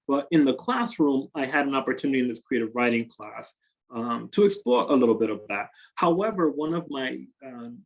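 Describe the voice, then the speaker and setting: A young man presenting a workshop over a video call, speaking at an average pitch with a relaxed, conversational delivery full of "um"s and "right?". The audio is slightly muffled and dull, as from a call. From Dominican Republic. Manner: conversational, many fillers and tag questions. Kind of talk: presentation with slides.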